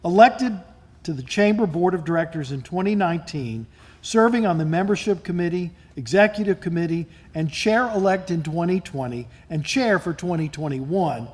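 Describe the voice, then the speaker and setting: A man presenting awards, reading each citation in a measured, formal way. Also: high-pitched, expressive, darkish tone, husky. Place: event hall at a lunch.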